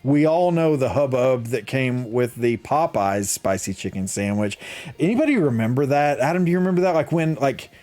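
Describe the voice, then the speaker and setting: A man's voice: medium pitch, animated, moderate pace, darkish tone. A young man hosting a casual podcast, rambling with lots of fillers, laughing often and reading out chat comments. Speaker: podcast host.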